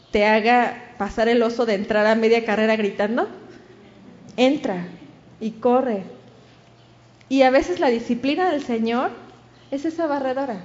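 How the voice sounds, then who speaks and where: A woman's voice: fairly high pitch, a little mellow, lo-fi sound. A woman with a Mexican accent preaching a sermon, telling a story and acting out the voices of the people in it.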